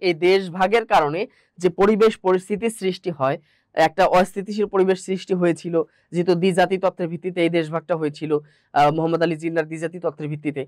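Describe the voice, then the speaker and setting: A man's voice: high-pitched, no echo. A man with a Bangladeshi Bengali accent teaching an exam-prep grammar lesson, asking rhetorical questions and repeating the answers.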